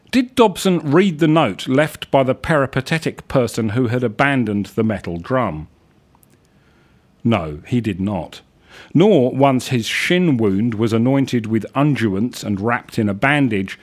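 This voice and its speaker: Droll man reading whimsical prose. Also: on the low side. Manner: dry, droll delivery with hesitant ums in asides. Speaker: radio show host reading his own stories. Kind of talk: deadpan literary narration and reading.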